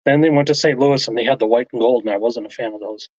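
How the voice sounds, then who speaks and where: A fifty-year-old man joins the casual sports chat, talking briskly and tossing in quick agreements. His voice is a slightly dull, lo-fi feed, dry and close. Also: mid-range voice, darkish tone, no echo. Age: 50s. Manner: quick, chatty, drops in short agreements.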